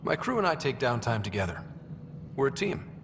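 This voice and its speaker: An actor playing a calm male team leader in a video game, speaking in a measured, even-keeled way. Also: medium pitch, in a large hall, background noise. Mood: steady.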